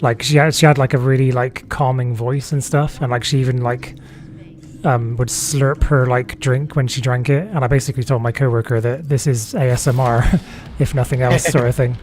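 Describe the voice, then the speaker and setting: A man's voice: medium pitch, steady tone, moderate pace, a little mellow, slight background noise. Chatty man gaming on stream. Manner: chatty, fills speech with "like". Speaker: co-player on a game stream. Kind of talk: casual chat while gaming.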